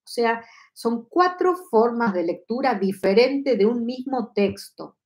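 Fairly high and expressive, her voice is a little mellow and unhurried. This Argentine-accented woman in her fifties teaches Kabbalah live online from her home study, speaking into a lapel mic. She lays out concepts clearly and keeps asking whether listeners follow and agree.

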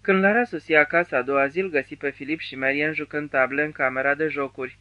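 A man narrating an audiobook in a measured storytelling manner. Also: a little high, steady tone, no echo, highs cut off. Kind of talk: scripted narration.

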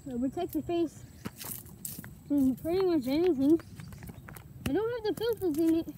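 High-voiced young girl excitedly rambling thru a gas mask, casual vlog. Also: normal speed. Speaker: vlogger. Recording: faint background noise.

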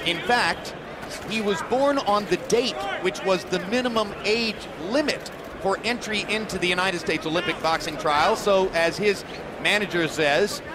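High-voiced male boxing commentator. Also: unhurried. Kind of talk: live sports commentary. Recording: loud arena noise behind voice.

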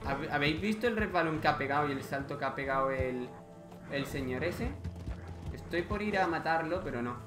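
A man giving casual let's-play commentary, exasperated and cursing freely as he talks to his viewers. His voice sits slightly high for a man. A roomy echo surrounds him. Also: lively intonation, fairly quick, over music. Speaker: gaming video host.

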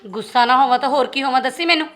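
An actress playing a proud, sharp-tongued wife bickering with her husband in a short film. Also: high voice, rapid-fire, faint music behind. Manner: taunting, bickering.

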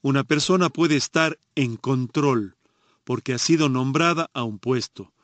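A man narrating a nonfiction audiobook in a measured, steady reading. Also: medium pitch, no room sound.

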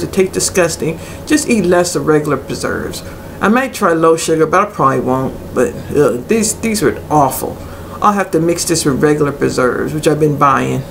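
A middle-aged woman giving a blunt, casual product review in a hesitant way with many pauses. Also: on the low side. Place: small cluttered room indoors. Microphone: webcam at arm's length. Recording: noisy webcam recording with room ambience.

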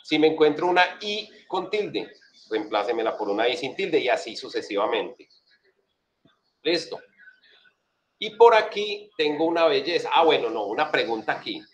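A man's voice: a little high, big pitch swings, normal speed, a bit bright. Man, Colombian accent, programming teacher, casual and slangy, keeps asking if students follow. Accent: Colombian Spanish. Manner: chatty, slangy, asks "right?" often. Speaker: programming instructor. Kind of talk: casual screen-share coding lesson.

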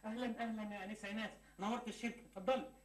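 A man's voice: high-pitched, steady tone, rapid-fire, close to an everyday voice. A man playing a cheeky joking Egyptian clerk. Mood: teasing. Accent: Egyptian Arabic. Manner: teasing, joking, laughs at his own jokes. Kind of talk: 1980s Egyptian TV sitcom acting.

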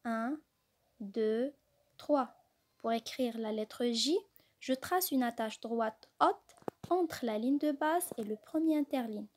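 Slow, careful woman teaching young children. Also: a little high, darkish tone. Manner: spells out letters and syllables carefully. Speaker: kindergarten teacher. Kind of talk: slow, deliberate reading lesson for young children.

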